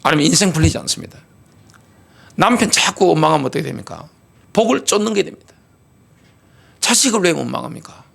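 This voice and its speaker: Delivering a sermon in a repetitive call-and-response manner, this middle-aged male pastor leans on rhetorical questions and repetition to drive his points. He sounds a little high, gravelly and a bit bright, speaking very animatedly and slightly fast, with long pauses.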